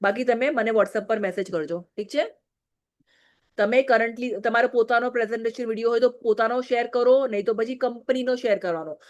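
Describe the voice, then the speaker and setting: Lady trainer, kinda high voice, bossy and direct, keeps asking "okay?". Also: a little fast, lo-fi sound. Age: adult, married. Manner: direct, scolding, repeats checks like "okay?". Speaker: online business trainer. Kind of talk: instructional talk to a team.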